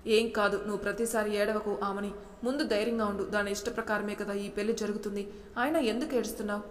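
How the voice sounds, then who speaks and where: A firm, worried middle-aged husband, as a woman storyteller puts him on presses his wife with questions. Middle pitch, with a long reverb behind the voice. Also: fairly even intonation, fast, a little hiss or hum, close to an everyday voice. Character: concerned middle-aged husband and father, man.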